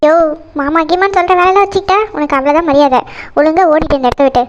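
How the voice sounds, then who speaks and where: A young woman voicing a fiery cartoon bride-to-be who scolds with sharp, quick retorts. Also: high-pitched, lightly acted. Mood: scolding. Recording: dull lo-fi sound.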